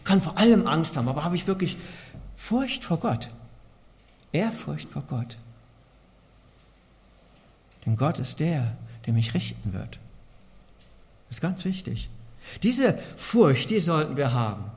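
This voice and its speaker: A man preaching a sermon in an earnest way, asking the congregation many rhetorical questions. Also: on the high side. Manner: earnest, asks rhetorical questions, varies loudness a lot.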